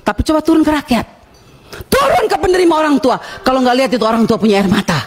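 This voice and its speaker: Very high, shouting woman lawmaker. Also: lively intonation, fast, breathy edge. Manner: indignant, scolding, raising her voice. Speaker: member of parliament. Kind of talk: impassioned speech at a parliamentary hearing.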